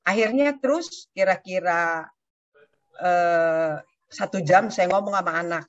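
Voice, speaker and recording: A woman's voice: fairly low pitch, measured pace. An older woman sharing a personal testimony with her church community, telling her story with animation and acting out what others said. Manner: animated storyteller who acts out quoted speech. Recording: dull, dry lo-fi recording.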